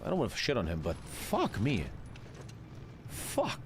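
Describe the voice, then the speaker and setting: A man's voice: mid-range voice, wildly swooping pitch, measured pace, slight background noise. A man, streaming a strategy game live, chatting with his viewers and swearing casually. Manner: swearing, chatty, reading chat aloud. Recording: faint music behind.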